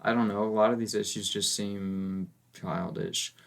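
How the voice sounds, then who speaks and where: A man's voice: fairly low pitch, steady tone, a little slow, gravelly. A man hosting a podcast, chatting casually in a rambling, musing way with many fillers. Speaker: podcast host. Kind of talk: casual chat.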